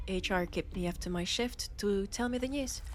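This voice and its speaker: A young woman with a French accent plays a laid-off space miner in an audio roleplay, chatting hesitantly with her best friend and trailing off into pauses. Her mid-range voice sits close to her everyday one, and her mood is rueful.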